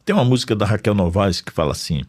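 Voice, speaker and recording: A man giving an emotional faith testimony in a studio, earnest, swinging between loud bursts and hushed low tones. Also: lively intonation, quick pace, no room sound.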